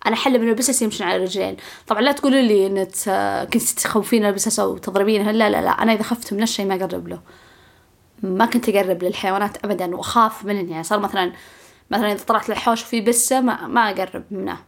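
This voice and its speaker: A woman vlogger with a Saudi Gulf Arabic accent tells her viewers a casual story in a mid-range, steady, creaky voice at a very fast pace. She's chatty, repeats herself often, and sometimes drops to a whisper.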